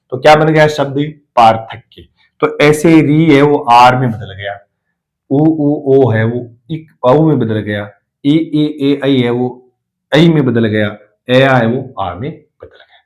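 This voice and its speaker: A man's voice: mid-range voice, low-quality recording. A male lecturer explaining spelling rules in a classroom lesson, repeating each rule and asking rhetorical questions.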